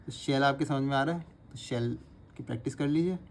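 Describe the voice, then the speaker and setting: A man teaching shorthand, explaining each stroke patiently and repeating the sounds slowly as he writes them. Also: mid-range voice, gravelly, slight background noise. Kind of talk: instructional lesson, repeating drills aloud.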